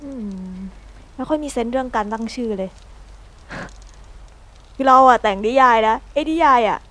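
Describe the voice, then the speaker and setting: A woman giving chatty, excitable let's-play commentary, yelping and shrieking when startled. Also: fairly high pitch, moderate pace, a little hiss or hum, rough recording. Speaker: gameplay streamer.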